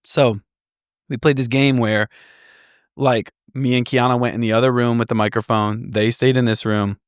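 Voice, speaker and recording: A man co-hosting a casual podcast from home, an enthusiastic and animated storyteller and a father of young kids. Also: medium pitch, normal speed, smooth, no echo, clean studio sound. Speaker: podcast co-host. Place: home in Southeast Michigan.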